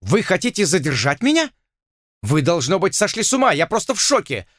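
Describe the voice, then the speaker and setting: Man doing a shrill, pompous English lord. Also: sing-song, brisk, a bit bright, no echo, clean studio sound. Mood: indignant. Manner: indignant, pompous, high and strained. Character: haughty, shrill English lord, envoy of the king.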